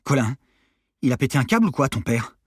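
A man voicing a brash, foul-mouthed teenage girl who shouts and rants in a high, raised voice. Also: big pitch swings, fairly quick, husky, dry recording, clean studio sound. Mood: nervy ranting. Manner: shouting, loud and pushy.

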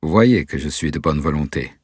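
A paranoid young stranger from a storybook reading, guarded and tense, weighing each word, as a male narrator puts him on. the voice sits very low, husky and dry. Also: animated, a little fast, dry recording, exaggerated voice. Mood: calm. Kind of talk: audiobook character voice.

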